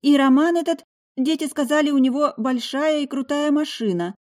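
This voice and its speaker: A woman's voice: high voice, moderate pace, pitched above the performer's own voice, close to an everyday voice. A woman reading an audiobook voices a worried middle-aged mother who talks in an anxious, coaxing, protective way. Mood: curious. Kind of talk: audiobook character voice.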